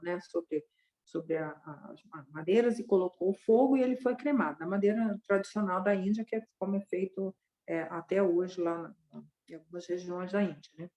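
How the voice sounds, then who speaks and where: A woman giving a Buddhist dharma talk, retelling a parable conversationally and tagging many sentences with a question. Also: mid-range voice. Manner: conversational, constant tag questions.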